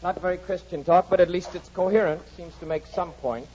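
A man's voice: high voice, fairly even intonation, fairly quick, warm tone, breathy edge. An actor playing a cruel, tormented, brooding man, sardonic in 1940s radio acting, on a dull old radio broadcast. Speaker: Heathcliff.

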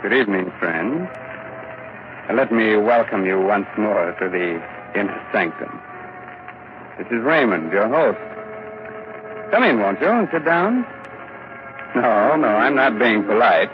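A sardonic, ghoulishly courteous radio horror host, low in pitch. He teases and narrates theatrically in 1940s radio style, on a dull, lightly noisy old recording. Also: animated, measured pace, long pauses. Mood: ghoulishly teasing. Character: macabre, mock-courteous male horror show host.

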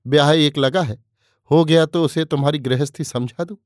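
Man doing an old village mother voice, higher pitched, plaintive, motherly, storybook reading. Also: moderate pace, no echo, clean studio sound, close to an everyday voice. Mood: coaxing. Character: elderly village woman, tearful then pleased, motherly.

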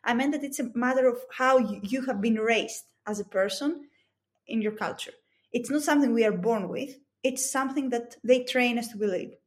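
A Greek woman who works as a business coach and psychology expert appears as an interview guest, giving methodical answers that explain with examples. Her voice is a little high, and she talks at normal speed with a Greek accent.

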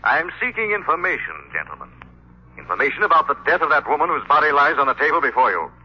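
A man voicing an invisible, menacing male avenger in an old radio drama, slow and looming, dropping low on key words; the voice is husky, with a lively pitch. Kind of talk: 1930s radio drama acting. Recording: muffled old radio broadcast.

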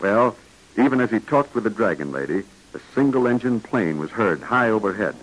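A man announcing an old 1940s radio serial, pitching to kids in a hearty way. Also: animated, normal speed, husky, low-quality recording.

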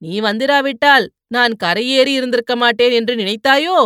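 A woman's voice: a little high, normal speed, a bit bright, clean tone, dry recording, clean studio sound, close to an everyday voice. A woman voicing a vain, teasing young male warrior in playful banter, in an audiobook.

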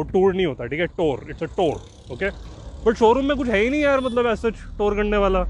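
Strolling outside a car showroom, a young podcaster chats and cracks jokes in rambling commentary, blending Hindi and English. His voice sits high, with slight background noise.

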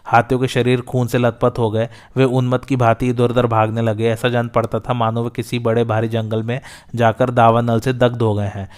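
A male narrator reading an epic battle tale in a steady, measured way. His pitch sits in a middle range and barely moves. The voice is smooth and resonant. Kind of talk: scripted epic storytelling narration.

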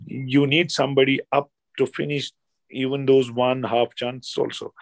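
A man with an Indian accent giving casual football analysis as a guest pundit, halting and repeating himself, often saying "you know". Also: mid-range voice, little pitch movement, creaky, dry recording. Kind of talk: casual sports analysis chat.

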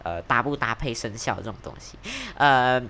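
Brief: young Malaysian Mandarin-accented woman, low, lively voice, chatty solo podcast host, faint noise behind. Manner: chatty, self-mocking, quick, mixes in English words. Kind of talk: casual solo podcast chat.

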